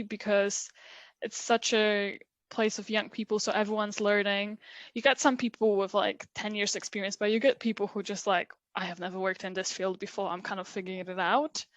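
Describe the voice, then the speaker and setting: A woman's voice: mid-range voice, a bit bright, no room sound. Chatty young woman from Poland. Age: 20s. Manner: chatty, laughs often, many fillers. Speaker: interview guest, recent graduate. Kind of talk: casual video interview.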